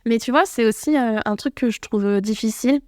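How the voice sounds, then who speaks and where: A woman's voice: on the high side, fairly quick, dry recording, studio quality. A young woman from France hosting a podcast, thinking aloud and asking her guest questions in casual chat. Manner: thoughtful, musing, asks questions. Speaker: podcast host.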